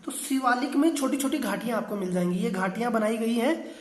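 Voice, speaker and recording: A man's voice: very high-pitched, expressive, a little fast, reverberant. A man teaching a geography class, explaining step by step, often asking a question and then answering it himself. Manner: explanatory, repeats key terms.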